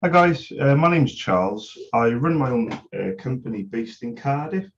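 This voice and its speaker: A man's voice: mid-range voice, expressive, moderate pace, noisy background. Guy leaving a voicemail, kinda hesitant, lots of uhs, dull lo-fi sound. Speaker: caller. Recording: dull lo-fi recording.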